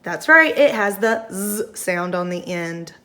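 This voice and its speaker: A young woman teaching phonics to first graders, slowly sounding out letters and words and praising the class. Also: fairly low pitch, animated, sharp tone. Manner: encouraging praise. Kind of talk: phonics lesson for young children.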